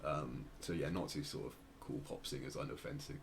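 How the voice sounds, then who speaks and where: A podcast co-host with a rumbling low voice, lively intonation and vocal fry talks briskly through a musician's story in casual chat. He explains hesitantly and circles back to rephrase often, with slight background noise behind him.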